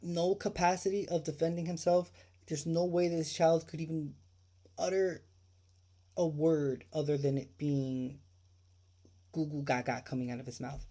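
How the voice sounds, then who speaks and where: Hosting a livestream on true crime, a man rants with open indignation and plenty of profanity, asking rhetorical questions and repeating points for emphasis. His dark, mellow voice is a little high, with a level tone, measured pace, and long pauses.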